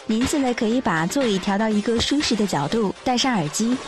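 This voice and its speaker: A flight attendant reads a formal cabin announcement, put on by a woman. The voice sits a little high and stays smooth and polished. Clear background music plays under it. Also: animated, brisk, natural voice.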